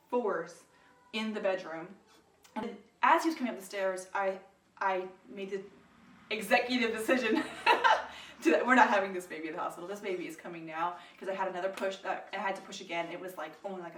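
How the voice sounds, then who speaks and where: A young woman tells her story in a casual, animated way, raising her voice as she acts out what people said. Her voice sits at a middle pitch for a woman. The sound is roomy, and she is a little away from the mic. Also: distant mic, a little hiss or hum. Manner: animated, acts out quoted lines with rises in pitch and volume. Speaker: vlogger telling her birth story.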